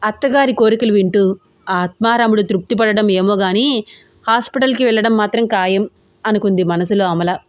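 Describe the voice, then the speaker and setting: A woman's voice: mid-range voice, moderate pace, dry recording. Woman narrating an audio story. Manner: expressive, voices each character.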